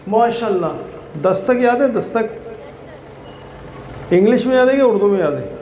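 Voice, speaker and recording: A man's voice: sits high, lively intonation, normal speed, darkish tone, a little hiss or hum. A man giving a motivational talk to schoolchildren at an outdoor school gathering, speaking in a fatherly way and quizzing the crowd. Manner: fatherly, calls listeners "beta", quizzes the crowd. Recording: roomy echo.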